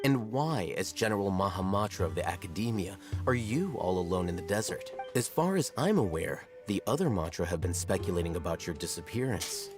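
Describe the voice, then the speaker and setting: An actor playing a calm, sardonic male scholar who asks needling questions in video game dialogue. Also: sits low. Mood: probing. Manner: dry, measured, needling questions. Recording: game music behind.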